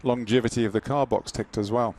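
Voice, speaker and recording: A man's voice: mid-range voice, steady tone, a little fast. A man co-commentating on a motor race, rambling and repeating words, with dry teasing. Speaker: expert co-commentator. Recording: loud engine noise behind commentary.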